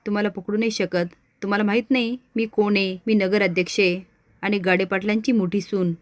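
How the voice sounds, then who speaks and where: A woman's voice: mid-range voice, steady tone, fairly quick, no echo, lightly acted. A woman reading out the lines of a scheming young daughter-in-law who begs and blusters. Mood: defiant. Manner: pleading.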